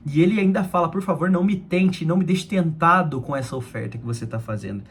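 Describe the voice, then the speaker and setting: A man's voice: a little high, slight background noise. A young man giving a conversational devotional talk, addressing his listeners as friends.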